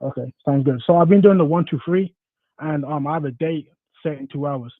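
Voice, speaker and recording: A man's voice: on the high side, fairly quick, no room sound. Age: unknown. Sex: man. Role: caller over the phone. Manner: hesitant with fillers. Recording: tinny phone line, sounding far from the handset, dry. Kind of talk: casual call-in question.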